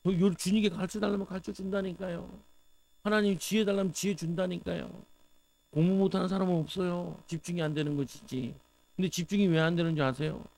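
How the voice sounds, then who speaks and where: Emphatic Korean pastor preaching, fairly high voice. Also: male voice, gravelly, a little mellow, low-quality recording. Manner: emphatic, conversational preaching with rhetorical questions. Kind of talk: sermon.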